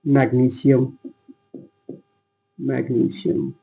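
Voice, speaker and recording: A man's voice: medium pitch, flat delivery, slow, vocal fry, warm tone, rough recording. Guy with teaching chem, casual and chatty, talks while writing on the board. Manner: chatty, addresses students as bhai, writes while talking. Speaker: chemistry teacher. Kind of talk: casual classroom lecture.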